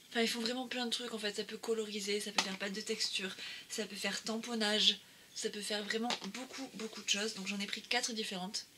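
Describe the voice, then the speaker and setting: Hesitant woman with noise behind. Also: fairly high pitch. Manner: hesitant, many "euh" fillers and restarts. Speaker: craft vlogger. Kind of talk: casual haul video.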